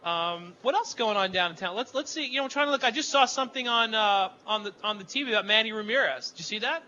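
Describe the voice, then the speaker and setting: A man's voice: high voice, fast, bright, forceful tone, lo-fi sound, a little hiss or hum. A man hosting a radio show live from a club, chatting loosely and joking as he rambles. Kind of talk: casual on-air chat. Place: downtown club, live remote broadcast.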